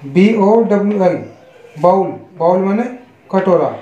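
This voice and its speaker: Slow, high-voiced Indian English teacher. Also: male voice, dark tone. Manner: spells words letter by letter, then gives Hindi meanings; slow, deliberate, repetitive teaching. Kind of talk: online English pronunciation lesson. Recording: echoey, dull lo-fi room.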